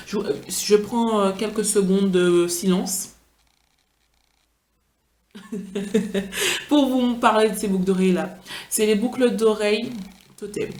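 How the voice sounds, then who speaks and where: A woman's voice: medium pitch, a little mellow. Chatty woman vlogger in an echoey room. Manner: chatty, self-mocking, talks about herself in third person. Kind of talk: casual chat.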